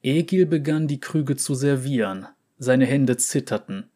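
Slow measured male story narrator. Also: medium pitch, lively intonation, mellow. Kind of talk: audiobook fantasy narration.

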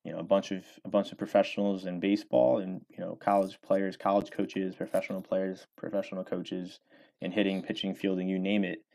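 A man in his twenties, an author and former college baseball player, answers interview questions casually, rambling with many fillers and restarts. His low-pitched voice is warm with vocal fry, delivered flatly and fairly quickly in lo-fi sound.

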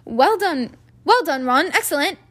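A woman's voice: sits high, expressive, takes it slowly, a bit bright, pitched above the performer's own voice, heavily acted. A woman voicing a pompous teenage boy prefect.

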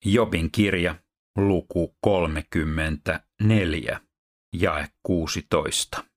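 A man reading Bible passages aloud in a steady, measured way, then going on to teach about them. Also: sits low. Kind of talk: scripture reading.

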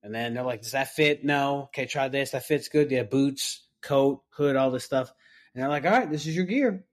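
A firefighter on a podcast, casually telling a story and acting out the lines of the people in it. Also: male voice, mid-range voice, normal speed. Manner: animated retelling, acting out others' lines.

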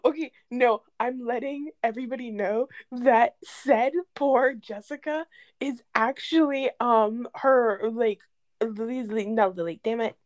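Higher-pitched young woman on a podcast, laughing a lot, lots of "like"s. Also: unhurried. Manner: laughs often, many fillers. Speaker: podcast co-host. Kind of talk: casual storytime chat.

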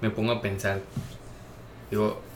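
A man's voice: fairly low pitch, flat delivery, measured pace, noisy background. A man with a Mexican accent, a nurse, chatting casually on a podcast in slangy speech full of filler words. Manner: slangy, peppers speech with "güey", laughs while telling stories.

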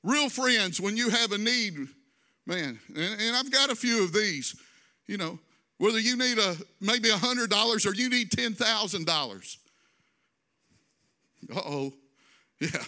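A man's voice: sits high, animated, measured pace, long pauses, sharp tone. A male pastor preaching a conversational sermon, drawing phrases out in a sing-song and adding folksy asides.

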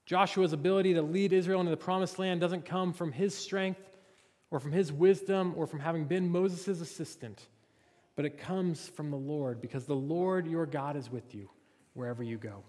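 A man's voice: on the high side, a little mellow. A male pastor preaching a sermon in an earnest, expository manner in a church. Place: church sanctuary. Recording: reverberant church sanctuary.

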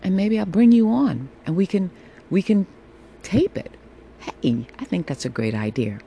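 With a creaky, warm, lowish voice that swings widely in pitch, a sultry woman hosts a casual podcast check-in at normal speed. She reassures her listeners and repeats phrases, talking into a phone at home over the faint hum of air conditioning.

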